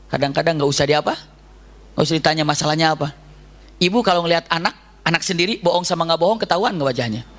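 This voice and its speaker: A man with a high voice delivers a storytelling sermon. His tone is bright and forceful, and his telling is animated. He keeps turning to the audience with questions. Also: fast talker. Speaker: preacher.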